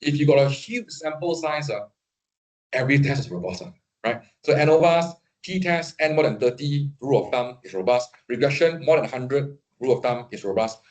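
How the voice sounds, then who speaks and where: A man's voice: medium pitch, expressive, normal speed, darkish tone. A middle-aged man gives a conversational university statistics lecture, often checking in with his students. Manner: conversational, keeps asking "right?" to check understanding.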